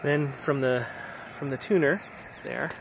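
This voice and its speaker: A man's creaky, medium-pitched voice moves a little slowly. He's a middle-aged American amateur radio operator vlogging outdoors in hilly backcountry, giving an enthusiastic, casual summary while outdoor noise plays behind him.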